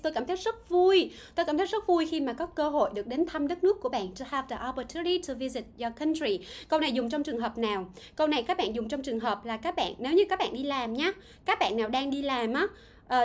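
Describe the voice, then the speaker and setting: A woman teaches English grammar on a livestream, reading out the answers viewers send, putting questions to them, and saying words slowly. Her voice sits high.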